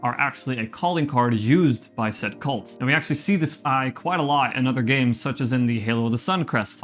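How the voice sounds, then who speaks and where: A man in an attic narrates a scripted video essay on a game, in a mid-pitched voice with music playing behind him. His delivery is informal, slipping into casual, slangy asides between the prepared lines. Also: a bit bright. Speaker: video game lore commentator. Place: attic room at home. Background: background music.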